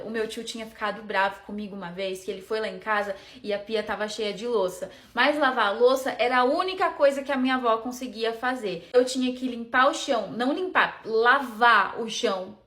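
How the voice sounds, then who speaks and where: A young woman from Brazil casually telling her life story to camera in an emotional, animated way. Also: on the high side. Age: young adult. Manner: animated, emotional retelling with acted-out quotes. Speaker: vlogger.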